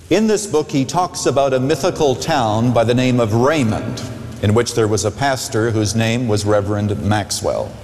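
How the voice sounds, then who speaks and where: A man pastor preaching a sermon at a pulpit microphone, telling a story with an expressive, storytelling delivery. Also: mid-range voice, slight background noise. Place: large church sanctuary. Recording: echoey church hall with long reverb.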